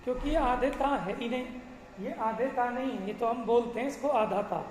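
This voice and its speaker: A man teaching a religious class, explaining patiently, asking rhetorical questions and chanting verses slowly. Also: very high-pitched, reverberant, in a large hall, a little hiss or hum. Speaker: scripture teacher.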